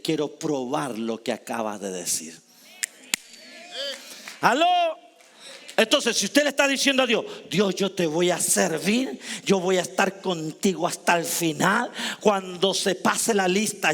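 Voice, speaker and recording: A middle-aged man preaching a charismatic sermon, with emphatic loud bursts and slow, low drawn-out lines. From Chile. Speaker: apostle preaching.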